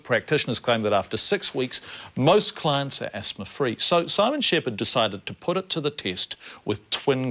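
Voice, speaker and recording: A man's voice: mid-range voice, a bit bright. A man with a New Zealand accent presenting the news from a television studio with an emphatic delivery.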